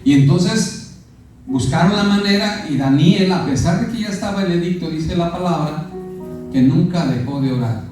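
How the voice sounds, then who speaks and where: A man's voice: high-pitched, moderate pace, a little mellow, soft background music. A man with a Mexican accent preaching a sermon as pastor, often putting questions to his congregation. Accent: Mexican Spanish. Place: church sanctuary. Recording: echoey church hall from far off.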